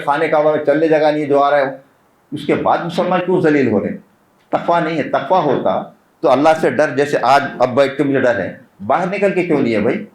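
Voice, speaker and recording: Man preaching informally, earnest and insistent, a bit high-pitched, in an echoing room. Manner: earnest, repeats key phrases for emphasis. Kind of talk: informal religious talk. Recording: roomy echo.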